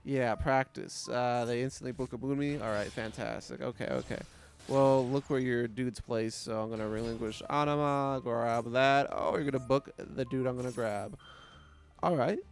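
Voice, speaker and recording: A man's voice: mid-range voice, moderate pace. Foul-mouthed man trash-talking over gameplay. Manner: profane, trash-talking, laughs often. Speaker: gaming commentator. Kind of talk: casual gameplay commentary.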